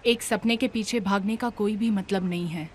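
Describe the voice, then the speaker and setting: A woman's voice: mid-range voice, moderate pace, darkish tone, a little hiss or hum, lightly acted. A woman voicing a polite, composed young office worker in a dubbed TV drama.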